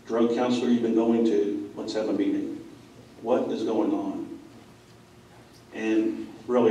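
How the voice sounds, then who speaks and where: A middle-aged man speaks to a conference audience in a plainspoken, storytelling way, his voice low and dark. He is picked up from across the room, so it sounds distant and very echoey, with a faint hiss behind him. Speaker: school president. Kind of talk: conference talk. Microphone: far room mic.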